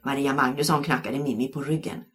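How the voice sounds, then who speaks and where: A woman reading a children's novel aloud with expressive storytelling. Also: extremely low pitch. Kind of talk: audiobook narration.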